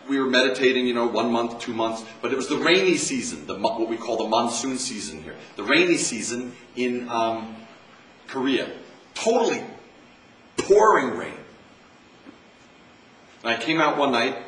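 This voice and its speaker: An American man, a Zen monk, speaks conversationally at a campus talk. He leans on repeated phrases and swings his pitch. The mic sits far off in an echoey room with a faint hiss. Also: brisk, fairly bright tone. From United States. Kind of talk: informal dharma talk.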